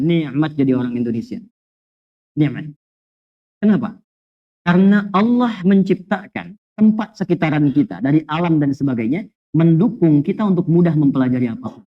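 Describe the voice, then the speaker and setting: A man preaching a lively sermon to a congregation, telling humorous stories, asking rhetorical questions, and weaving in Arabic phrases. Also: fairly high pitch, moderate pace, pauses often. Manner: animated storytelling with jokes and rhetorical questions. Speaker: Islamic preacher. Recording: dull lo-fi sound.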